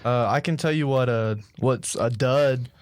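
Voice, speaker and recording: A man's voice: mid-range voice, measured pace, clear, resonant tone. A man co-hosting a casual podcast, joking and laid-back as he chats about sports and music. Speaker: podcast co-host.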